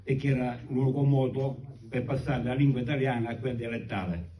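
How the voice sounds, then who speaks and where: A man in his sixties with a Sicilian accent, speaking solemnly and deliberately in short phrases as a poet addressing a live event. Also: mid-range voice, fairly even intonation, warm tone, distant mic. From Sicily, Italy. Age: 60s. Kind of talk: live address and poetry recitation. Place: public evening event, speaking to an audience.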